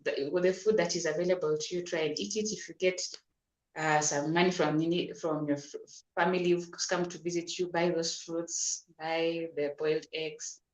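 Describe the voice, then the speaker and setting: A woman's voice: deep voice, fairly even intonation, normal speed. A woman doctor, patiently explaining health advice in an interview, often repeating words and restarting. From Kenya. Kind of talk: advisory interview answers. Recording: roomy echo.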